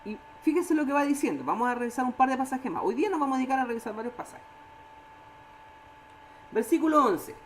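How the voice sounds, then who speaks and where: A woman with a Chilean Spanish accent leading a church Bible study, animated, acting out quoted voices and often checking in with her listeners. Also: sits high, fast, long pauses, a little hiss or hum, low-quality recording.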